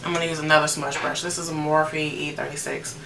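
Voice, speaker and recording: Speaking fast in a low, gravelly voice with flat delivery, an American woman in her late thirties narrates a makeup tutorial as a beauty vlogger, chatting informally to viewers. The distant mic picks up a roomy sound and noticeable background noise.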